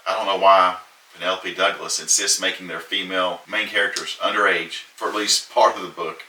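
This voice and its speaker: Man, lowish pitch, very bright and forceful, laugh-prone read-aloud, echoey room, distant mic. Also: fairly even intonation, a little fast. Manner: breaks into laughter while reading. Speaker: host reading book reviews. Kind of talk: reading aloud with casual chat.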